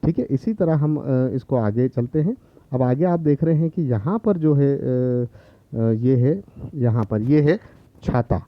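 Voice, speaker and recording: A man teaching a Hindi lesson online to young children, patiently repeating each syllable, with many drawn-out filler pauses. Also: medium pitch, expressive, dry recording, highs cut off. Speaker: primary school teacher.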